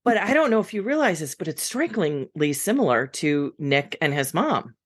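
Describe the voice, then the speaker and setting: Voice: mid-range voice, big pitch swings, moderate pace. A podcast co-host chatting casually and backing up the other speaker with frequent short agreements. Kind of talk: casual conversation.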